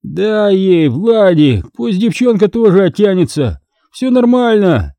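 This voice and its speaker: A man's voice: sits high, big pitch swings, mellow, dry recording, pitched above the performer's own voice, heavily acted. A man doing a drawling, stoned young guy. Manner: slow drawl.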